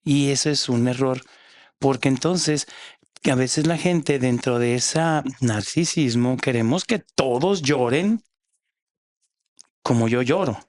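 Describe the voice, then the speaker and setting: A man's voice: medium pitch, slow, darkish tone, dry recording. Mexican guy psychologist, explains with lots of restarts, dry close sound. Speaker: psychologist guest. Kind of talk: casual podcast chat.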